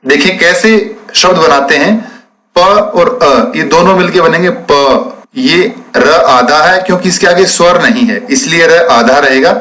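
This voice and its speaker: A male teacher working through textbook exercises at an unhurried, measured pace. His voice sits a little higher than most men's, and he breaks words apart syllable by syllable as he explains them. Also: pushed and bright, low-quality recording. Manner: slow, deliberate, spelling out words syllable by syllable.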